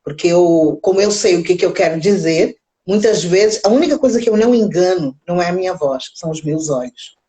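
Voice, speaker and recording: A woman co-hosting a live talk show, telling animated stories and laughing often in casual chat. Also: on the low side, fairly quick, few pauses, low-quality recording. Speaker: co-host.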